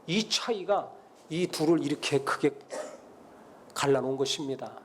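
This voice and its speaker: A man's voice: fairly high pitch, normal speed, a little hiss or hum. A male pastor preaching a sermon, dramatically retelling biblical scenes and rising to emphatic blessings.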